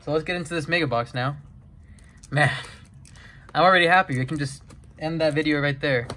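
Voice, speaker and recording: A young man casually vlogging a card break, reading out player names and getting excited over good pulls. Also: a little high, a little fast, a little hiss or hum. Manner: excitable, chatty, reads player names off cards one by one. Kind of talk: casual card-opening vlog.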